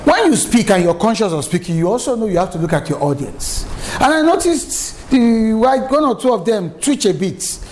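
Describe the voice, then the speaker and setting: Speaking at a moderate pace with few pauses, a middle-aged Lagos-raised Nigerian man teaches public speaking in an emphatic, anecdote-rich lecture. His voice is high and sing-song, with slight noise in the background.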